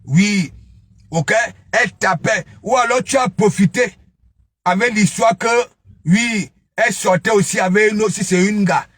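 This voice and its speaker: Male commentator with a high, husky voice, scolding and mocking, dry sound. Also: measured pace, a bit bright, no echo. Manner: taunting, keeps asking "hein?". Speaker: online gossip commentator. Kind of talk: ranting live commentary.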